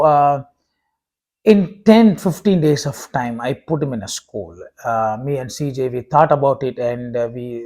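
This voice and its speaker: A vlogger and preacher from India whose first language is Tamil speaks casually to the camera. His husky voice sits at a medium pitch with a darkish tone, and he talks haltingly, with frequent "uh"s and restarts.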